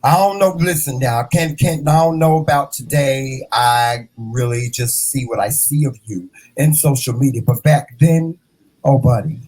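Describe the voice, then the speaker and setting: A man in his fifties hosting a casual interview, animated and playful, calling his guest "child" and "honey". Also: medium pitch, a little slow, low-quality recording. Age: 50s. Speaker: host.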